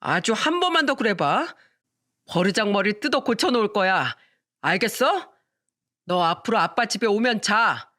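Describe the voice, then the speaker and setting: A woman voicing a drunk, bossy middle-aged husband and father who scolds loudly with slurred words. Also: mid-range voice, sing-song, normal speed. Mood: drunken scolding.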